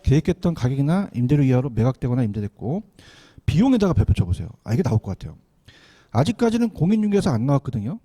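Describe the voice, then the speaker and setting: A man giving an exam prep lecture, animated, often asking students to repeat after him. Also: fairly high pitch. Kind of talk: classroom lecture.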